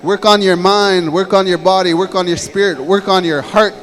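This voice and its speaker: A man's voice: sits high, fairly even intonation, normal speed, a bit bright. A man speaking earnestly and conversationally in a motivational public speech, sharing personal stories as a dancer addressing young men.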